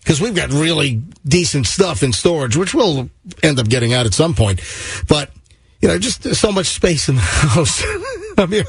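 Husky, high-pitched male morning radio host. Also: animated, moderate pace, no echo. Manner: chatty, jocular, rambling. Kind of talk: casual radio banter.

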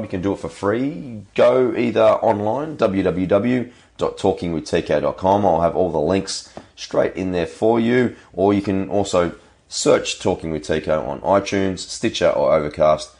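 Australian male podcast host, low pitch, croaky with a cold, casual and chatty. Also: darkish tone. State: has a cold. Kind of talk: casual podcast introduction and interviewing.

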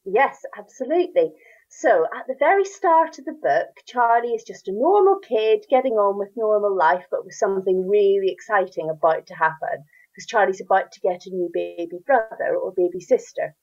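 A children's author from Northern Ireland, speaking with that accent, answers interview questions in a medium-pitched, expressive voice at normal speed. She's enthusiastic, with a lilting storyteller's warmth and laughs. The recording has its highs cut off.

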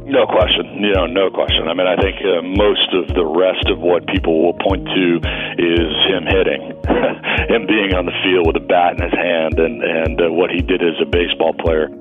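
A very deep, flat-voiced man who calls baseball games speaks plainly in an interview, pausing on fillers. The sound is thin and phone-like, with clear music behind. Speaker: baseball broadcaster.

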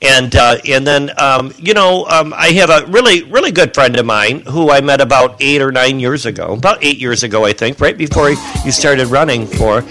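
A man hosts a relaxed local radio talk show. His voice is bright, and he chats casually, often stopping for ums and uhs. Soft music plays behind him. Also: medium pitch, normal speed, few pauses, low-quality recording. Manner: hesitant, many ums and uhs.

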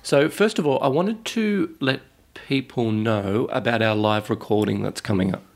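A man's voice: medium pitch, moderate pace, vocal fry. An Australian man with a nasal, congested voice from a head cold, co-hosting a casual podcast chat. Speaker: podcast co-host.

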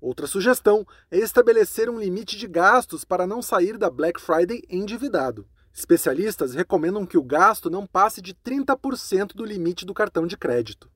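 A Brazilian man with a fairly high voice presents scripted news. His delivery is clear and conversational, and the sound is dry, with no room echo. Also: expressive, fairly quick, hardly any pauses. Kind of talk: scripted news roundup narration.

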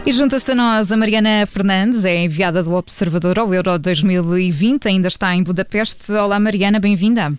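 A woman's voice: medium pitch, normal speed, hardly any pauses, soft background music. A woman with a European Portuguese accent hosting a news show and interviewing a correspondent in a conversational way. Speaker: news radio host.

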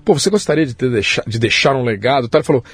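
A man chatting as a podcast guest, animated and swearing freely, his pitch jumping up when he stresses a point. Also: rapid-fire, breathy edge. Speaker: guest, musician and writer. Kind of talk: casual podcast chat.

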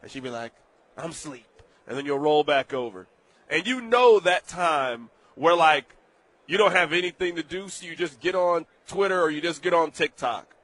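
Young guy hosting a sports betting show, kinda high voice, emphatic and playful. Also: expressive, moderate pace, a bit bright. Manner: emphatic, playful, riffing on hypotheticals. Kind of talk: animated sports talk.

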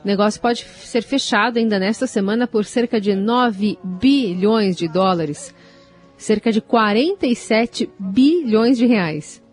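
A Brazilian woman presenting a radio news bulletin in a mid-pitched voice. She reads clearly and steadily. Soft music sits faintly behind her. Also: measured pace. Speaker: news anchor.

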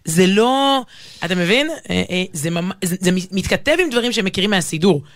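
A woman's voice: medium pitch, lively intonation, no echo. A woman with an Israeli accent co-hosting a casual talk show, speaking emphatically and often breaking off to rephrase mid-sentence. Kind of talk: casual animated conversation.

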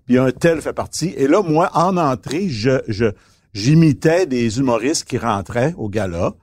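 A man's voice: mid-range voice, animated, measured pace, a little mellow, no echo. A man in casual chat, telling a story and repeating his words. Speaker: comedian guest.

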